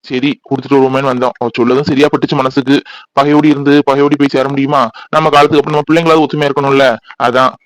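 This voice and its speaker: A man voicing a fast-talking remorseful village elder brother. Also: mid-range voice, flat delivery, dry recording, lightly acted, low-quality recording. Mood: explaining. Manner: earnest, explanatory, then pleading apology. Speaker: cartoon voice actor. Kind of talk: animated family drama.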